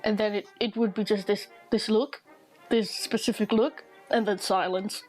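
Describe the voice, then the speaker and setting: A young Eastern European woman rambles casually in a vlog while she draws, amused, quick to laugh, and acting out the people she quotes. Her voice is medium-pitched with a darkish tone and fairly even intonation, over soft background music.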